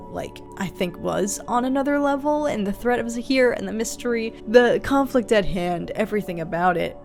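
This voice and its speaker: A woman's voice: mid-range voice, a little mellow. A woman speaks as a reaction video host in a casual, earnest style. She rambles reflectively through her analysis in a mid-range voice, with faint music behind her. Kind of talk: casual spoken commentary on a show.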